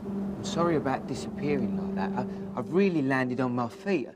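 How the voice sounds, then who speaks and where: An uneasy young man of eighteen played by a male actor in a film drama. He is hesitant, terse and evasive, with clear location noise around him. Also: mid-range voice, expressive, normal speed, natural voice. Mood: evasive, apologetic. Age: young adult. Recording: noisy location sound, often distant.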